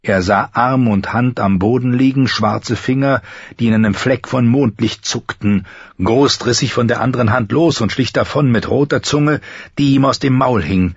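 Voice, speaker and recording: A man's voice: medium pitch, normal speed, breathy edge, no echo, muffled recording. A man narrating a fantasy audiobook with tense, vivid storytelling. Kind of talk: dramatic fantasy audiobook reading.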